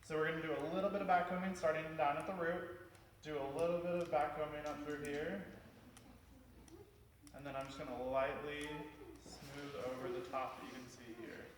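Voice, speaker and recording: A man's voice: on the high side, little pitch movement, fairly quick. A man working as a hairstylist, walking through a cheer hairstyle step by step in a chatty way that is full of "like". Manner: chatty, fills speech with "like". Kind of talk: step-by-step tutorial. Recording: echoey room, distant mic, background noise.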